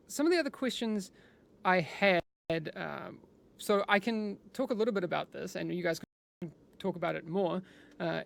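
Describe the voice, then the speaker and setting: A chatty male host running a live-streamed studio interview. His voice carries a gravelly fry, and he often restarts his sentences before checking facts with his guests. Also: sits high. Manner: chatty and rambling, with frequent restarts. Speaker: livestream host interviewing developers.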